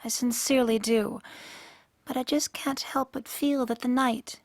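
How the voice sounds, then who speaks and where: Woman voicing a lonely, regal pony princess, higher-pitched. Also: fairly even intonation, unhurried, no echo, studio quality. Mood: sad, resigned. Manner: formal, regal, sorrowful diction. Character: lonely, bitter young pony princess of the night. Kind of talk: fan-made radio drama acting.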